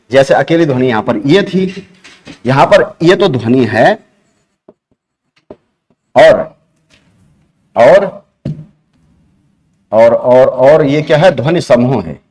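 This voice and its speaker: A man with an Uttarakhand accent teaches an exam-prep grammar lesson in an ordinary middle-pitched voice. He works through each point slowly, repeating key terms and asking the class questions as he writes on a board. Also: a little mellow.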